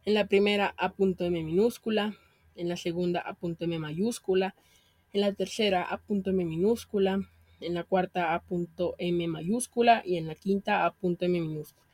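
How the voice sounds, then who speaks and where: Methodical reader for a verse-analysis lesson, even list-like delivery, dry recording. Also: medium pitch, moderate pace, no echo. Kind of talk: reading a metric analysis of verse aloud.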